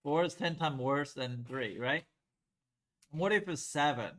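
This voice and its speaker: A middle-aged man from Taiwan teaching a math class in a classroom, lively and asking the class questions. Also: a little high, measured pace. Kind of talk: classroom lecture at a whiteboard.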